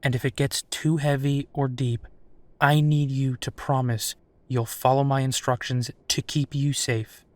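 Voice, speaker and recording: Voicing a protective werewolf detective for an intimate roleplay, this man keeps a mid-range pitch and a steady, caring, worried tone, with pauses between his reassurances. His delivery is flat, a little mellow and close to his everyday voice, and the mood is protective and reassuring. There's no echo; the sound is dry and close-miked with no room on it.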